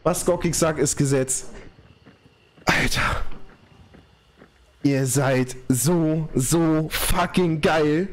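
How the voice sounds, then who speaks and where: A man's voice: fairly high pitch, steady tone, drawn-out words, pauses often. Overjoyed young male streamer, shaky voice. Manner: overjoyed, slangy, constant exclamations. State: trembling voice. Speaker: live streamer. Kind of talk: excited live stream reaction. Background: music.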